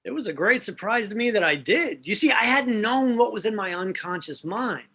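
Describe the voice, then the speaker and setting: A woman reading the role of a sheepish husband, with a halting, hesitant delivery in a comic play reading. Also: medium pitch, animated, sharp tone, slightly rough, exaggerated voice.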